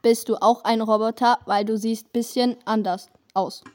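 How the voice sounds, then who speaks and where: A woman voicing a female robot from the future, speaking in a robotic monotone in an amateur audio drama. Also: fairly high pitch, moderate pace, close to an everyday voice.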